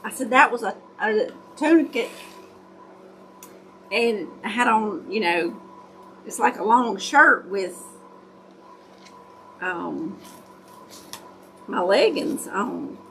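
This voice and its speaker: A woman's voice: medium pitch, lively intonation, slow, long pauses, slight background noise, low-quality recording. A woman with a Southern US accent and folksy hillbilly way of talking, chatting and telling stories casually to livestream viewers. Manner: folksy, self-described hillbilly country talk. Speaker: craft livestream host. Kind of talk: casual chat, storytelling to live viewers.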